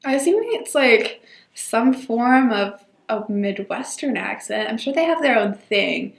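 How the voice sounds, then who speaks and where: A woman's voice: on the high side, lively intonation, unhurried, gravelly. Rambling young woman, echoey room. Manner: chatty, rambling and self-deprecating. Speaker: student. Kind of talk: casual chat.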